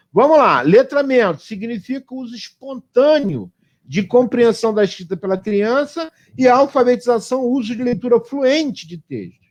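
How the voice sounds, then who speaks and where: A man with a Brazilian Portuguese accent teaching an online exam-prep lesson, explaining answers and asking himself questions that he then answers. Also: high voice.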